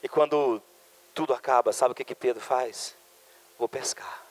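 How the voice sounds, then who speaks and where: A male pastor preaching a sermon, moving from quiet storytelling to loud, high, fervent preaching. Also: moderate pace. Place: church conference hall.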